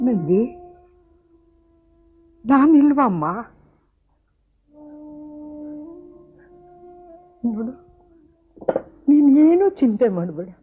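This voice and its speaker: A woman's voice: a little high, very animated, takes it slowly, narrow, tinny audio, faint music behind. An actress playing an elderly village grandmother who is protective and blunt, scolding others but soothing her granddaughter in a TV serial. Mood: consoling. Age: older. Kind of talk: TV serial acting.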